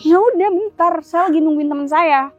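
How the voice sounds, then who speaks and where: A woman's voice: very high voice, normal speed, lo-fi sound, soft background music. An actress playing an impatient young female kidnapper who snaps curt orders at her captive in a web drama. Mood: bossy. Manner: scolding, curt commands. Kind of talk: amateur web drama acting.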